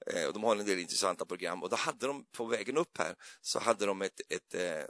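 A man's voice: sits low, a bit bright, no echo, clean studio sound. A man giving a loose, chatty sermon in a church, rambling and hesitant with many fillers and little jokes. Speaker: preacher. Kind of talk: conversational sermon.

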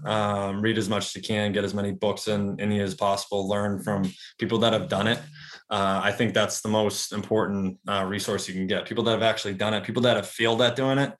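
A man in his early thirties speaks in a slightly low voice. He talks about real estate as a guest in a casual interview. He is relaxed and rambling, with lots of fillers and restarts. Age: 30s.

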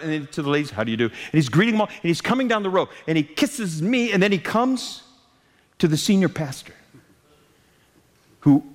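Animated high-voiced man preaching in a hall. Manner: animated, jokey, acts out quoted voices. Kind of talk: humorous sermon storytelling.

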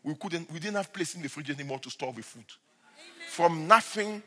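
A man preaching as a pastor, telling stories and moving from quiet asides to shouted declarations. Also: a little high, lively intonation, moderate pace, long reverb tail. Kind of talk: sermon.

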